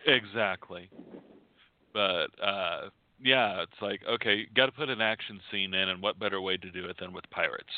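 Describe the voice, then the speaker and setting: A man's voice: sits low, normal speed, no room sound. A male podcast co-host who chats in an easygoing, joking way. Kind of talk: casual chat. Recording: dry, phone-like line.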